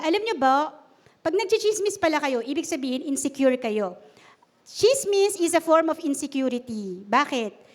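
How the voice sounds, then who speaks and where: A woman preacher giving a humorous, conversational sermon at a church service and often asking the congregation questions. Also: sits high.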